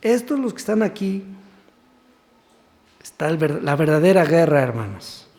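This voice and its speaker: A man's voice: fairly high pitch, very animated, normal speed, a little mellow. A man, a deacon preaching a sermon who keeps asking rhetorical questions and prompts the congregation to finish verses. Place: church sanctuary. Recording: long church reverb.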